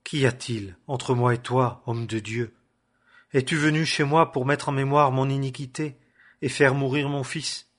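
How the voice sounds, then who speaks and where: A man's voice: mid-range voice, steady tone, unhurried, a bit bright. A man voicing a destitute, grieving widow in a scripture reading, in a despairing manner. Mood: accusing.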